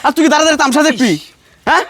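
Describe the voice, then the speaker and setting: A man's voice: extremely high pitch, racing, fairly bright tone, no room sound. A man playing a neighbor who breaks up a family fight and lectures everyone. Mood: scolding. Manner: lecturing, admonishing. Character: neighbor man, scolding peacemaker. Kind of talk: melodramatic family drama acting.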